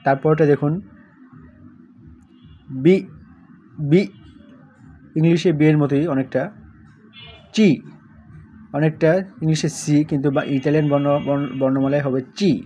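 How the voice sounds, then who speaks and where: A man's voice: a little high, dark tone. Man teaching letters over dull audio. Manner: spells out letters one by one, comparing with English. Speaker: language teacher. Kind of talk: casual alphabet lesson. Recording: dull lo-fi sound with faint background hiss.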